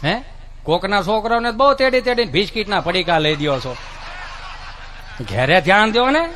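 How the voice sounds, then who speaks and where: Comedian guy, high bright voice, bounces all over doing stand-up bits. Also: normal speed, slight background noise. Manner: lively, mimics relatives and children. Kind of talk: folksy stand-up storytelling.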